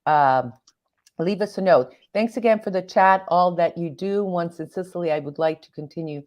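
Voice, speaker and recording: A woman's voice: lowish voice, normal speed, darkish tone. A woman from Hungary co-hosting a live Q&A, chatting casually and repeating phrases for emphasis. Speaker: co-host of a live Q&A. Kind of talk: casual live-stream chat.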